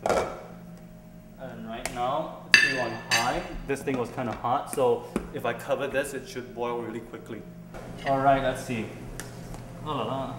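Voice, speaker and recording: In a large indoor kitchen, a young Singaporean cooking-show host talks casually and tentatively, using plenty of "ums" as he cooks. His mid-range voice is unhurried with fairly even intonation, picked up by a camera set some way off, so the sound is roomy and the background noisy.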